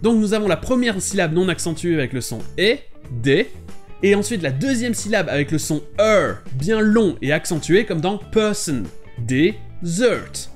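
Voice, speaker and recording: A man hosting a scripted pronunciation lesson, explaining clearly and modelling words slowly. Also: high-pitched, animated. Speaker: English teacher and channel host. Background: soft background music.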